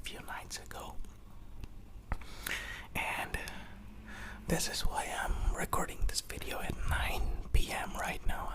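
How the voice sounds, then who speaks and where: A young adult vlogger speaks in a slow, breathy whisper because of a sore throat. The delivery is halting and apologetic, with the strained softness of someone barely able to talk. It is a personal, confessional talk given in a small room. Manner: hesitant, apologetic, halting phrasing. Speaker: YouTube vlogger. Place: small hot room without fan or air conditioning.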